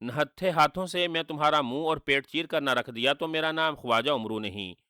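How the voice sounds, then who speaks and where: Sharp-tongued trickster hero, defiant and sarcastic , done by a man, slightly high, bright. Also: brisk, clean tone, dry recording, studio quality. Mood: defiant, growling. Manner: sarcastic, insulting retorts.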